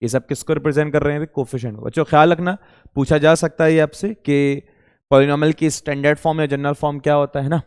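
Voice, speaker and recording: A man's voice: a little high, fairly even intonation, fast, darkish tone, clear, resonant tone. A man coaching students in maths for an entrance exam, informally asking questions aloud and answering them himself. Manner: informal, addresses students directly. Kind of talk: exam-prep lecture. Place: coaching classroom. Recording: reverberant room.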